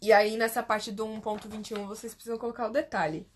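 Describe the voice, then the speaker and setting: A woman's voice: a little high, level tone, fast talker, a little hiss or hum. A young Brazilian woman with a Brazilian Portuguese accent, chatting casually on a phone livestream as she explains a form step by step. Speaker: host.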